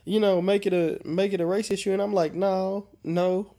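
A man co-hosting a casual podcast chat. He is congested, and he tells stories in an animated, profane way. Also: sits high, fast talker. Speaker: podcast co-host.

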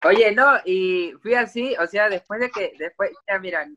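A man's voice: sits high, normal speed, pushed and bright, muffled recording. A man rambling through an embarrassing story in casual chat, restarting his sentences. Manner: rambling, full of fillers and restarts.

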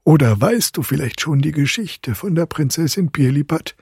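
A man voicing an odd old clockmaker godfather with a snarling, monotone voice in an audiobook fairy tale. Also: on the high side, normal speed, creaky, breathy edge, no echo, clean studio sound, voice pushed up, heavily acted. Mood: coaxing.

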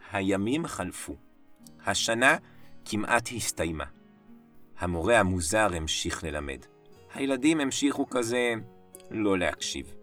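A man narrating a first-person story in short phrases with dramatic pauses. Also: low-pitched. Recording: dry voice set back from the mic, soft music bed. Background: soft piano music.

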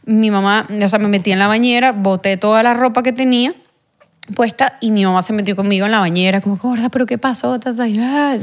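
A woman's voice: mid-range voice, brisk. A young adult woman with a Venezuelan accent, telling a personal story in an interview. She rambles, uses many fillers and acts out what people said. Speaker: guest.

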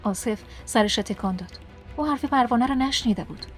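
Woman reading a story out loud, expressive, goes whispery in sad bits, soft music behind. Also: a little high. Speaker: book podcast host. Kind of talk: scripted audiobook narration.

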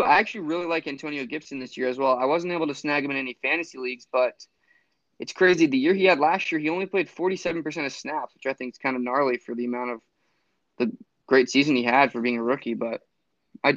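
A man's voice: medium pitch, fast talker, fairly bright tone, no echo, muffled recording. A man co-hosting a sports podcast, rambling with fillers and restarts. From Florida. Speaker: podcast co-host. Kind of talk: casual sports chat.

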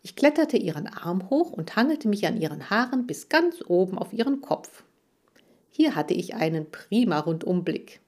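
A woman reading a children's story aloud as the audiobook narrator, with a lively, expressive delivery. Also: medium pitch, normal speed.

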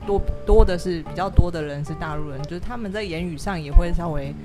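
A woman's voice: on the low side, quick pace, over music. A woman with a Taiwanese accent chatting casually, hesitant and trailing off between phrases. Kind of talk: casual chat.

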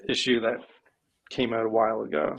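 A man's voice: lowish voice, little pitch movement, a little fast, poor audio. A man on a casual podcast panel, making wry remarks and laughing a lot. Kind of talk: casual group chat.

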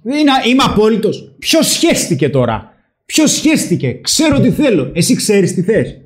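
A man hosting a talk show, speaking emphatically and loudly, with frequent swearing. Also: high voice, huge pitch swings. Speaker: podcast host. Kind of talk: animated opinion talk.

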